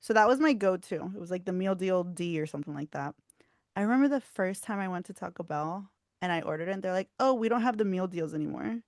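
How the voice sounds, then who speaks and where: A young woman co-hosting a casual podcast, telling animated stories, swearing freely and laughing often. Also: on the low side, quick pace, no room sound, clean studio sound. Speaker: podcast co-host. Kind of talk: casual chat.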